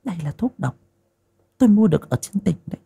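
A man's voice: high-pitched, wildly swooping pitch, unhurried, vocal fry, breathy edge, voice pushed up, exaggerated voice. A man voicing a scheming young wife who talks in sulky, hissing half-whispers.

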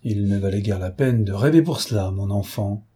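A man's voice: fairly low pitch, normal speed, slightly rough. A man playing a kindly, cautious middle-aged father who questions his daughter fondly. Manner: fond, gently questioning.

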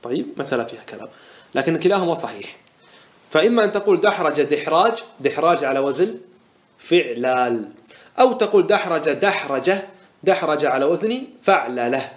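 A man with a fairly high voice teaches a classroom lesson, drawing out each example word slowly and firing questions he answers himself. The sound rings around an echoey room. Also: expressive. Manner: drawls out example words slowly, asks and answers his own questions. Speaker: sheikh teaching Arabic morphology. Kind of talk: classroom lesson explaining verse.

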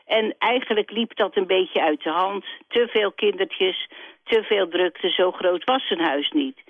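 Woman phoning in to radio, telephone sound, dry and narrow, steady storyteller, middle pitch. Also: measured pace, dry recording. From Netherlands. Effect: heard over a telephone line. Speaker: radio call-in caller. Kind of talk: telling a story on a call-in show. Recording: dry, tinny phone line.

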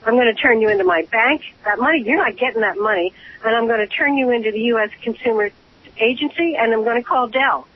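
A woman's voice: on the high side, fast talker. Indignant woman heard over the phone. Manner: indignant, insistent, repeats herself. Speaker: prank call target. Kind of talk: angry phone argument. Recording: muffled phone line with faint hiss.

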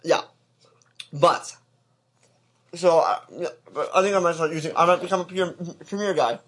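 A young man co-hosting a podcast in an easygoing, chatty way, with plenty of filler words. His voice is a bit husky and sits slightly high. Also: normal speed, fairly bright tone. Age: young adult. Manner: laid-back, chatty, filler-heavy. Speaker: podcast co-host. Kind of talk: casual chat.

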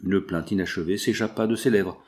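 A man narrating a classic novel as an audiobook, measured and expressive. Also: low voice. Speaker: audiobook reader.

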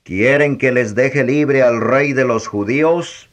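A man reading the lines of a wary Roman governor, measured and questioning. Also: mid-range voice, natural voice.

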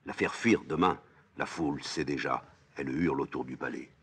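A man reading a play aloud, voicing a solemn chorus that urges the king in a hushed, imploring tone. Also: very deep voice, normal speed, slight background noise. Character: solemn chorus, voice of the city elders.

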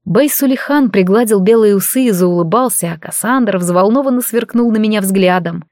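A woman narrating a first-person fantasy audiobook in an even, expressive reading. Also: medium pitch, normal speed, no room sound, studio quality.

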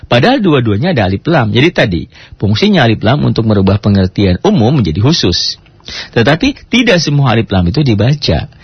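Husky-voiced man teaching lively. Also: fairly low pitch, no echo. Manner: lively, drawn-out demonstrations of Arabic words. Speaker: Islamic teacher. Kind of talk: Quran reading lesson. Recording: dull lo-fi sound.

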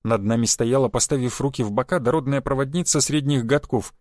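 Brief: male narrator, mid-pitched, reads a comic adventure in a wry tone, dead-dry booth. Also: a little fast, darkish tone, dry recording. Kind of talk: audiobook narration.

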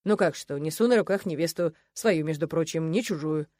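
A woman voicing a calm, teasing young male student in an audiobook, speaking in an unflappable, dryly mocking way. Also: deep voice, brisk, dry recording, voice pushed down, lightly acted. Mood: smug teasing.

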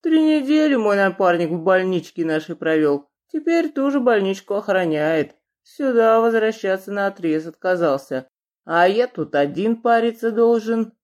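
A crude, leering thug, as a woman narrator puts him on, burly and shaven-headed. He sneers and jeers, his pitch bouncing in wide swings. An audiobook voice. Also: lively intonation, normal speed, darkish tone, close to an everyday voice. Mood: grumbling. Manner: mocking, leering. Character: burly tattooed male thug, mocking and crude. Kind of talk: audiobook character reading.

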